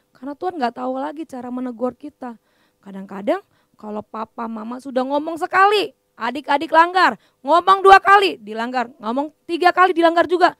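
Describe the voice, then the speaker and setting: A young woman, telling a Bible story to children in a lively, chatty way. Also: sits high, gravelly, no room sound, clean studio sound. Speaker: children's church teacher.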